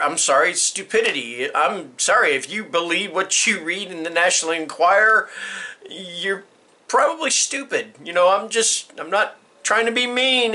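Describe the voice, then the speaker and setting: A middle-aged man talking casually to the camera about his books. His voice sits a bit high for a man and sounds bright and forceful. He rambles, restarts and drifts into chatty rants. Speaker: book vlogger. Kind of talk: casual chat answering a tag. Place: room with bookshelves.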